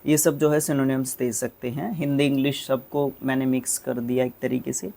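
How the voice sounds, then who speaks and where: A man teaches English vocabulary in a recorded online class. He explains each word at an unhurried pace, spells tricky words out letter by letter and openly corrects his own mistakes. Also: medium pitch, little pitch movement, vocal fry, warm tone.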